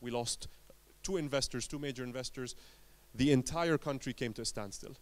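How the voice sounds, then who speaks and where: Telling his story at a conference, a Lebanese entrepreneur uses a mid-range voice and speaks in short bursts of emphasis punctuated by dramatic pauses.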